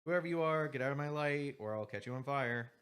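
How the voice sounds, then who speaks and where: A man's voice: a little high, wildly swooping pitch, normal speed, creaky, pushed and bright, voice pushed up, full character voice. A man voicing a lazy, flippant male fire wizard who likes to slack off, teasing and cheeky.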